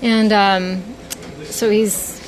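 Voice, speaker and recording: A woman's voice: medium pitch, very slow, a crowd in the background. Earnest woman telling a personal story. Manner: earnest, animated, acts out quoted dialogue. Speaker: storyteller guest. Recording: noisy background.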